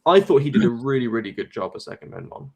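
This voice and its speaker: A young man hosts a casual live stream and thinks out loud as he goes. He rambles, pausing on fillers and doubling back to restart his sentences. His pitch sits in the middle range for a man. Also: big pitch swings. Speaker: host.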